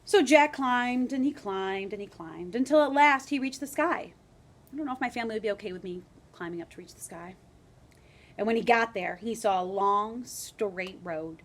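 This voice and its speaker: A woman teaching grade school reads a story aloud expressively, stopping for conversational asides and questions to the children. Her voice is medium-pitched and her speed normal.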